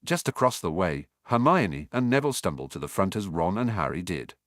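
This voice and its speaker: Male audiobook narrator, low and lively, dry close sound. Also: a little fast, dry recording. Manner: expressive storytelling. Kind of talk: fan fiction audiobook narration.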